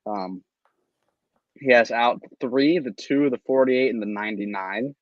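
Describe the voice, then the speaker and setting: A man hosting a podcast in an easygoing, teasing way. His voice sits in a middle pitch and sounds dry and close. The audio is dull and lo-fi. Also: no echo. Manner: joking, quick to tease. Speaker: podcast host. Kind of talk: casual chat.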